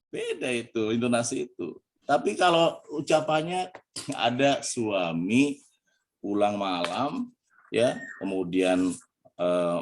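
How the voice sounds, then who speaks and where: Low-voiced indonesian guy doing a motivational islamic talk, chatty, keeps asking the crowd stuff. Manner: chatty, peppers lines with "ya", asks the audience questions; acts out tones of voice to demonstrate intonation. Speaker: motivational coach giving a religious talk.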